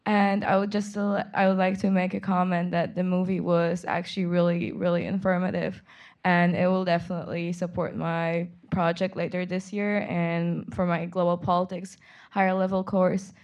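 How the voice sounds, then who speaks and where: A teenage high school student from Poland commenting politely and earnestly from the audience. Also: female voice, little pitch movement, normal speed, a little mellow. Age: teens. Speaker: audience member. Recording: dull lo-fi sound.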